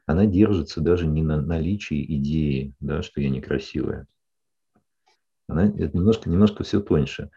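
During a counseling session, a psychologist explains patiently to his client in a husky, deep, warm voice. He keeps pausing to check she follows, often saying "да?". The audio is a little dull and lo-fi.

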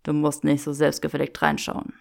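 A woman voicing a lovestruck young wizard, speaking low and wry. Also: monotone, brisk, vocal fry. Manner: murmured, wry.

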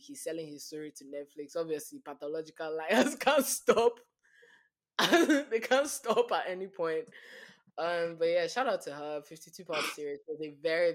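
A woman co-hosting a casual podcast, retelling a wild story with lots of laughter and acted-out quotes. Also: sits low. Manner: animated retelling, acts out quotes, laughs often. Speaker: podcast co-host.

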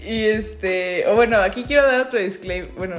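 A woman's voice: medium pitch, moderate pace, faint music behind. A young woman with a Mexican accent, co-hosting a podcast and telling stories in casual slangy chat, laughing often. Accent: Mexican Spanish. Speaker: podcast co-host.

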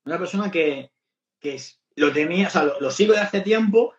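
This man hosts a podcast from his home in Barcelona, his voice pitched on the high side, expressive and fairly quick. His delivery is chatty and wandering, full of restarts, and the lo-fi audio comes across dull and echoey.

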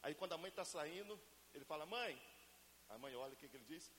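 A man from Brazil preaching a lively sermon to a congregation and asking them to answer him. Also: fairly high pitch, quick pace. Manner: acts out family scenes in everyday voices. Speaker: pastor. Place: church hall. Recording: reverberant church hall, faint hiss.

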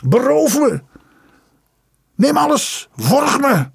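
Guy putting on a screechy old dad losing it, way high, yelling, kinda gravelly. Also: big pitch swings, slow, full character voice. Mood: hysterical. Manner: shrieking, furious ranting. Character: raging miserly old father, tyrant.

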